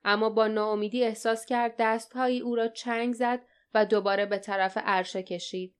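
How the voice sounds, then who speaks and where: A woman narrating an audiobook in a steady, dramatic storytelling style. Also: on the high side, clean tone. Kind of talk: scripted narration.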